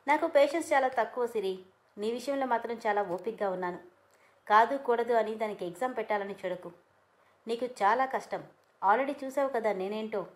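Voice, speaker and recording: A man's voice: very high-pitched, a little fast. A woman reading as a stern, possessive young man. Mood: commanding. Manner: stern, commanding.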